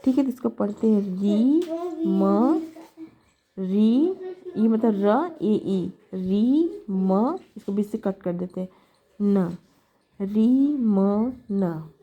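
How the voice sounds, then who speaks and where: Woman, shorthand teacher, slow deliberate pace, patient step-by-step explanation, muffled recording. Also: medium pitch, animated. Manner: slow, patient, repeats each letter aloud. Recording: dull lo-fi sound with faint noise.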